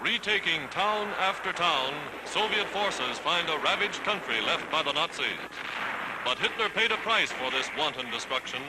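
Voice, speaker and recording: A man's voice: a little high, lively intonation, moderate pace, very noisy. A man narrating an old 1940s newsreel in an emphatic, declamatory announcer delivery. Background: loud orchestral music.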